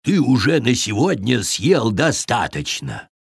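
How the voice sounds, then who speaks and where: A gruff storybook bear, as a reader puts him on, grumbling in slow, husky tones. The reading sits in a dry, close recording. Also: medium pitch, sing-song, no echo, full character voice. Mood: stern. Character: grumpy clumsy bear.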